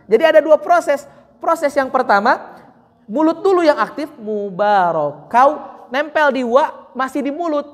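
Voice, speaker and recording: A woman teaching Quran recitation, patiently correcting a student and slowly demonstrating sounds. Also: high-pitched, long reverb tail. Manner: drawn-out chanted example words. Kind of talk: online recitation correction lesson.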